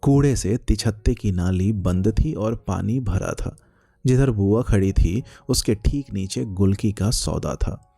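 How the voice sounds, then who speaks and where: Slow, gravelly male storyteller. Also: on the low side, dark tone, dry recording. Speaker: narrator. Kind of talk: literary story reading.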